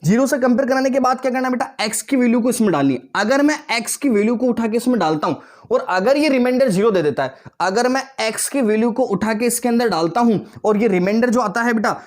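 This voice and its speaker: A man's voice: extremely high pitch, fast talker. A man in his twenties teaching a maths lesson in an online class. He coaxes his pupils, keeps checking that they understand, and slips in joking asides. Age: 20s. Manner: coaxing, keeps asking students if they understood; calls pupils "beta" and "bhaiya", joking asides.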